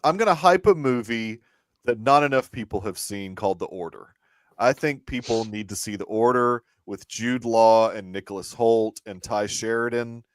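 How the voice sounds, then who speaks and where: A man's voice: lowish voice, normal speed, no echo. A man guesting on a movie podcast who jokes, laughs often and repeats himself in casual chat.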